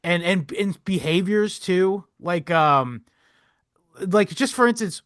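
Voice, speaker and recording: A young adult man co-hosting a casual history podcast, rambling and animated, swearing and laughing often. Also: high voice, slow, no echo, clean studio sound. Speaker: podcast co-host.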